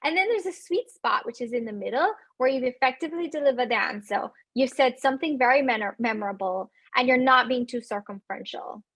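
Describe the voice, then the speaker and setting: A woman in her thirties with an accent, giving animated coaching advice in a webinar and addressing listeners directly. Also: high voice, fairly quick, few pauses, dry recording. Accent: non-native English accent. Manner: animated, laughs often, speaks directly to listeners. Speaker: webinar speaker on residency interviews.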